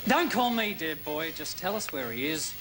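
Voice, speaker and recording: A man's voice: a little high, sing-song, moderate pace, reverberant, music in the background. An actor playing a tough male inquiry agent who speaks bluntly and makes threats. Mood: menacing.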